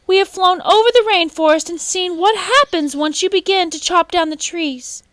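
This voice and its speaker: A woman's voice: moderate pace, no room sound. A woman voicing an urgent storybook toucan that squawks out warnings. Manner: squawking, high and loud.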